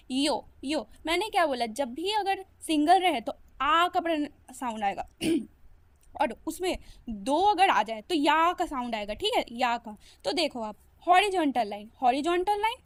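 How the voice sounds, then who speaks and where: A young, self-taught woman gives a casual step-by-step lesson, patiently repeating each sound and stroke and encouraging viewers as a fellow learner. Her voice is high and the recording dry.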